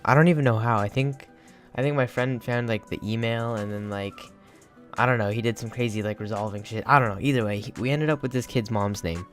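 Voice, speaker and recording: A man's voice: mid-range voice, brisk, faint music behind. A young man telling a crude, joking story in a rambling, casual way, full of fillers.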